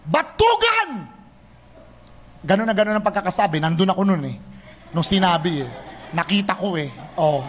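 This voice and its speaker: A young man preaching a sermon, lively and teasing, switching between Tagalog and English. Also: high-pitched. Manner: animated, mixes Tagalog and English, teasing the congregation.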